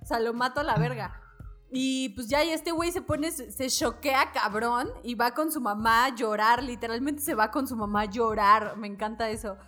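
A young woman with a Mexican accent, co-hosting a podcast and recapping a film in slangy, animated casual talk. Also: a little high, moderate pace, soft background music. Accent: Mexican Spanish. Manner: slangy, animated, acts out quotes. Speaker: podcast co-host.

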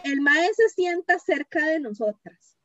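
High-voiced Costa Rican woman telling a story. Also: unhurried, no room sound. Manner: animated, slangy storytelling. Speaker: co-host. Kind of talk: casual chat storytelling. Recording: dull, dry sound.

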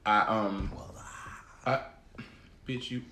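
A man's voice: lowish voice, steady tone, very slow, bright, forceful tone. A man in his thirties hosting a casual podcast roundtable, blunt and emphatic, swearing freely. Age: 30s. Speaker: podcast host. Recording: echoey room with faint noise.

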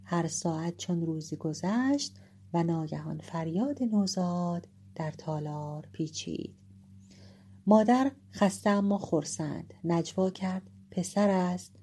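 A woman narrating an epic tale in a measured, dramatic storytelling manner. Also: fairly low pitch, dark tone, husky. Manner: measured, dramatic, shifting pace for suspense.

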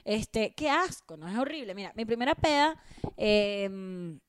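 A young woman co-hosting a podcast at home, telling a story in an animated, crude, self-mocking way. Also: medium pitch, measured pace, smooth, dry recording, studio quality. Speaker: podcast co-host. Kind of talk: casual storytelling chat.

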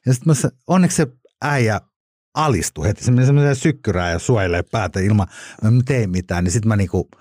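Middle-aged male interview guest: very deep, husky voice, blunt and colloquial, swears freely, dry close sound. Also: expressive, a little mellow, dry recording. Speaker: guest, former criminal and author. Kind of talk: casual interview storytelling.

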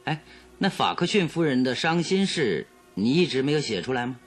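A man's voice: medium pitch, big pitch swings, a little fast, faint music behind. An actor playing Sherlock Holmes, a confident, analytical detective who explains his deductions in a theatrical, expository radio drama style. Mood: reflective. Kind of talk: Chinese radio drama acting.

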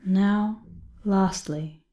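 A woman reading a guided breathing exercise in a soft, calm voice that often drops to a half-whisper. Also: mid-range voice, drawn-out words, echoey room. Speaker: meditation guide.

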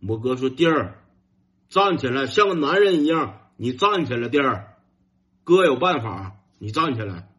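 A man acting out his stern, protective older brother in a low, grave, commanding tone. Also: normal speed, a little mellow, lightly acted. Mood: solemn.

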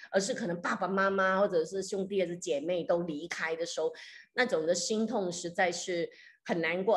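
A woman pastor preaching and telling a story in a conversational way, with many fillers and some English phrases mixed in. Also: lowish voice. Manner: frequent hesitation fillers. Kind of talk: sermon with storytelling.

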